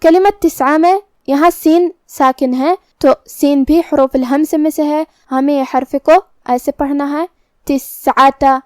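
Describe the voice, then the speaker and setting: A woman's voice: sits high, steady tone, dark tone, no echo, clean studio sound. A woman teaching Quran recitation rules step by step, explaining how each letter is pronounced in a methodical way. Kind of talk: tajweed lesson, explaining then reciting slowly.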